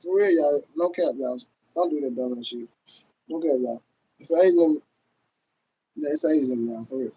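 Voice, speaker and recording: A man, hosting a casual livestream rant. He talks loudly and profanely to his viewers, laughing often. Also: a little high, moderate pace, pauses often, husky, muffled recording. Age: 30s. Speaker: livestream host.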